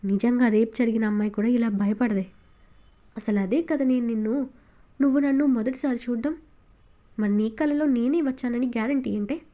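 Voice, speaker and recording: A woman voicing a teasing, quick-tempered young man in a romance audiobook, her reading lightly shaded. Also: on the high side, dark tone, lightly acted. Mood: scolding. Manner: teasing, scolding.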